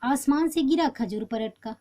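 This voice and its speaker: A woman's voice: high-pitched, normal speed, warm tone. A woman teaching a grammar lesson to schoolchildren, explaining step by step, repeating each answer and mixing in English words.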